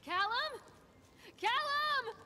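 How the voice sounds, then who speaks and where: A woman voicing a troubled mother who fears for her son, speaking in a hushed, urgent way. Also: very high voice, animated, drawn-out words, noisy background, exaggerated voice. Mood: alarmed. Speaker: game character. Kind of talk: game voice acting.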